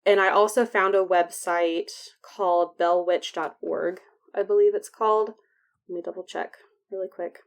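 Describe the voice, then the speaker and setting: A woman's voice: lowish voice, fairly even intonation, moderate pace. Casual woman podcaster with whistling S sounds. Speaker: podcast co-host.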